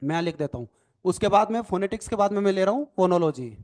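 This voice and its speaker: High-voiced male lecture trainer. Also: animated, fast, darkish tone. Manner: explanatory, repeats "ठीक है ना" tag questions; spells words out letter by letter. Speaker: NLP trainer. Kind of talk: recorded lecture.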